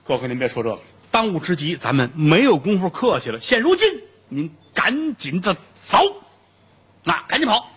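A man's voice: a little high, big pitch swings, moderate pace, a bit bright, slightly rough, full character voice. A man voicing a loyal, urgent male jailer pleading with his friend, in a told story.

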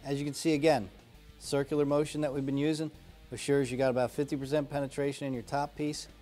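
A man in his forties teaches welding in a practical, step-by-step way. His voice sits at an ordinary middle pitch and he speaks from an indoor workshop on a lapel mic. Faint music plays underneath. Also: little pitch movement, quick pace, dark tone. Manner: plain, practical step-by-step explaining. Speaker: welding instructor. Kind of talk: instructional demonstration. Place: indoor workshop garage studio.

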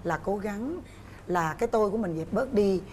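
A woman's voice: medium pitch, lively intonation, normal speed, darkish tone, a little hiss or hum. Chatty motherly woman host. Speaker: host giving marriage advice. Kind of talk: casual chat.

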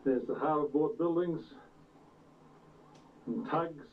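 Male home-video narrator, tinny, hissy old VHS tape, a bit high and off-mic, tour-guide manner. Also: far from the mic. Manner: unhurried, pointing out sights like a tour guide. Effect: old VHS tape sound.

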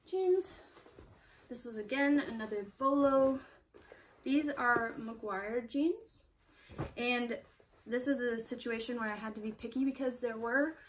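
A woman's voice: a little high, recorded from a distance. A young woman chatting casually through a thrift haul video, enthusiastic and full of fillers. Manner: chatty, filler-heavy, enthusiastic about finds. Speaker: thrift reseller vlogger.

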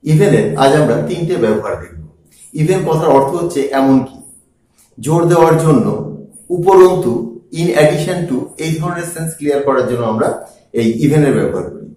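Lively male teacher in an echoey room. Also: a little high. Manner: explains slowly, repeats example sentences. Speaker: English teacher. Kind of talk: grammar lesson.

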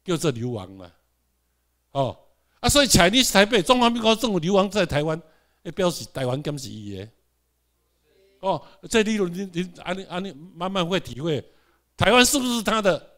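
A man's voice: sits high, very animated, moderate pace, pauses often, a bit bright. A man with a Taiwanese accent giving a classroom lecture, asking the audience rhetorical questions and having them repeat words. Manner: mixes in English words.

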